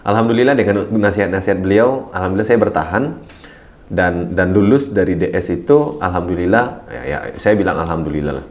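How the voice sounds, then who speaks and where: A man speaking as a guest preacher, telling his story in an animated way, swinging between low murmurs and excited high bursts and laughing as he goes. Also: brisk. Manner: laughs while telling stories. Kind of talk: storytelling interview talk.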